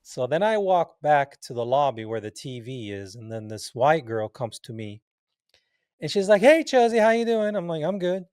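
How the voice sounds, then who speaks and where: Speaking at a moderate pace with a slightly high, clear and resonant voice, a Palestinian interview guest in his forties shares stories in a casual setting. Arabic is his first language, and he acts out dialogue animatedly and laughs a lot; the studio-quality recording is dry.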